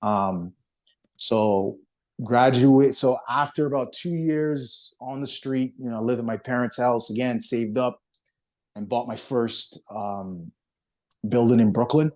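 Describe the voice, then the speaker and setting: A man from Barbados giving a relaxed, casual presentation on a video call, often filling with "you know" and "um". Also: mid-range voice, slow pace. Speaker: guest speaker.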